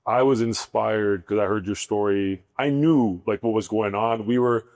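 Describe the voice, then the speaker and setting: A man's voice: lowish voice, fairly even intonation, moderate pace, a little mellow, dry recording. A man hosting a podcast in casual interview chat, encouraging his guest and summing up his points. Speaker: podcast host.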